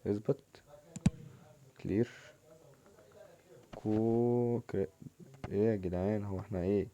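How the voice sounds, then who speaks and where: A young man with an Egyptian Arabic accent, commenting casually on his own football video game match and shouting at the players in excited bursts. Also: fairly low pitch, measured pace, muffled recording. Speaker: gaming channel host.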